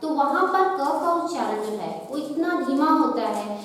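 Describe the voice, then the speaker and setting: A woman teacher explains a grammar point patiently, step by step. Her voice sits high and carries through a reverberant room. She is recorded from some distance, with a long echo trailing each phrase. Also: animated, a little slow, a bit bright. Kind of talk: Hindi grammar lesson. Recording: echoey room heard from a distance.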